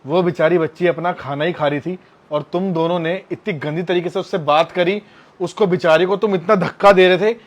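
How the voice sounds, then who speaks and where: A man's voice: sits high, fairly even intonation, a little fast, lo-fi sound, natural voice. A man playing a stern, lecturing tutor. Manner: scolding, lecturing. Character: stern, moralizing male tutor. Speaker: tuition teacher. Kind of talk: short social-drama skit acting.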